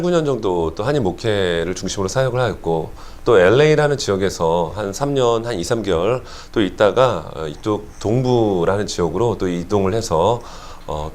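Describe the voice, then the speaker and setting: Nasal, stuffy-nosed male preacher, animated pitch. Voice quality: nasal, congested-sounding. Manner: emphatic preaching with rhetorical questions. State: stuffy nose from pollen allergy. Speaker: Korean church senior pastor. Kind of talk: sermon.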